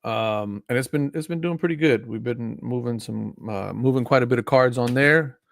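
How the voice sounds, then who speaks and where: A man's voice: medium pitch, normal speed, vocal fry, dry recording. A man in his forties chatting casually on a live stream, rambling with many fillers and restarts. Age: 40s.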